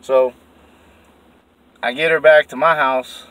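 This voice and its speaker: A man's voice: medium pitch, fairly even intonation, takes it slowly, fairly bright tone, no echo, recorded from a distance, rough recording. Profane rambling man telling a story. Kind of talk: casual storytelling.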